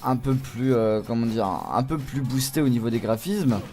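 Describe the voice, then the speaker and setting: Man, let's play host, casual gaming commentary, swears a lot, loud reactions, mid-range voice. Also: medium pitch, moderate pace, faint music behind. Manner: swears freely, reacts loudly to the game.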